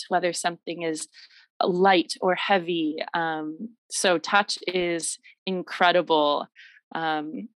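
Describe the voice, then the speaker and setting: A woman guest on a podcast talks about her work in a slow, measured way. Her voice sits a little low, earnest and reflective, sprinkled with ums. The recording is dry and close. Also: fairly bright tone, dry recording, poor audio. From Michigan. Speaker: podcast guest, massage therapist. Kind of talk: casual interview talk.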